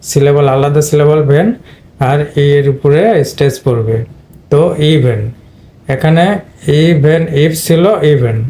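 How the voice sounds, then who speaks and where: In a Bengali-language lesson, a Bangladeshi man teaches English spelling and pronunciation, speaking straight to his students and explaining step by step. His voice is mellow and fairly high-pitched.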